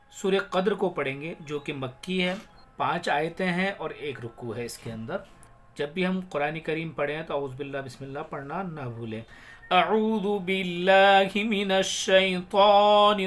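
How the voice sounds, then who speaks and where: High-voiced man teaching Quran recitation. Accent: Pakistani Urdu. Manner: patient, repeats words, drawn-out melodic recitation. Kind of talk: tajweed lesson, explaining then reciting slowly.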